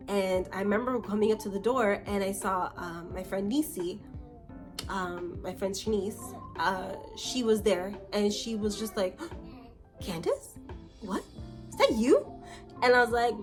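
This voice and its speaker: A young woman from Canada telling a story to camera in a casual vlog, chatty and acting out the voices of the people in her story. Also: medium pitch. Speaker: vlogger.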